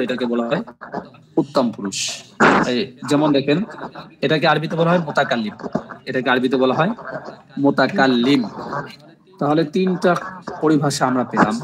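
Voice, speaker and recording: A man's voice: medium pitch, noisy background. Bengali-speaking male Arabic teacher drilling terms. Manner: repetitive drilling, asks "ঠিক আছে?" often. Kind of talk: online class lecture.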